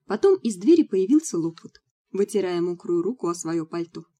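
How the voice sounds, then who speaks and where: A woman reading a first-person audiobook in a steady storytelling delivery. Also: on the low side, normal speed. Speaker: audiobook narrator.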